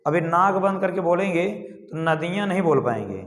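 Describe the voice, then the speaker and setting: A male teacher explains grammar slowly, asking rhetorical questions and answering them himself. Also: high-pitched, expressive. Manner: slow, deliberate explaining. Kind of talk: classroom grammar lesson. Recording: echoey classroom with long reverb.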